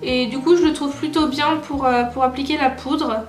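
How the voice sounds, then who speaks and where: A young woman with a high, light voice talks her viewers through her makeup in a relaxed, chatty way, often pausing on fillers and correcting herself. Her voice rings in a roomy space, with faint music playing underneath. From France. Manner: chatty, many filler "euh" and self-corrections. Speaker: beauty vlogger. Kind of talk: casual makeup tutorial chat. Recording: roomy echo with soft music behind.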